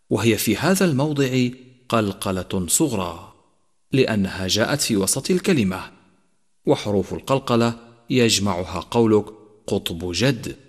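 A man leading a practical tajweed lesson, addressing listeners and stressing each numbered point. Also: mid-range voice. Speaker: Quran recitation teacher. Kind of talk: scripted tajweed lesson narration. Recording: long reverb, echoey.

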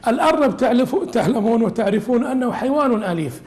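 A man's voice: very high voice, lively intonation, fast talker, darkish tone. A man teaching a religious lesson as a sheikh, explaining an old text with humorous asides.

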